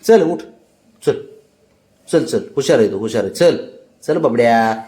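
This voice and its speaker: A man's voice: medium pitch, animated, measured pace, warm tone. A man with a Marathi accent, casually coaxing and scolding his sulking pet cat in a mix of pleading and baby talk.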